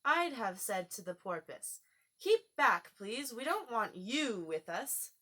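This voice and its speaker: A woman's voice: a little high, big pitch swings, slow, pushed and bright, exaggerated voice. A woman voicing a timid, polite young girl in a storybook, earnest and easily puzzled. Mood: surprised.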